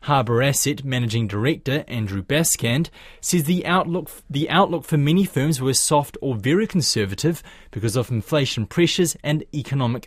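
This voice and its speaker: A man's voice: mid-range voice, dry recording. A man presenting scripted business news on the radio and putting questions to guests. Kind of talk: scripted news reading and interviewing. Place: dry studio.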